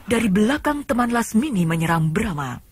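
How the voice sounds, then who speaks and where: A woman narrates an old radio drama, telling the story with drama. Her pitch swings widely through each line. The old radio play recording is buried in loud tape hiss. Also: very animated, normal speed.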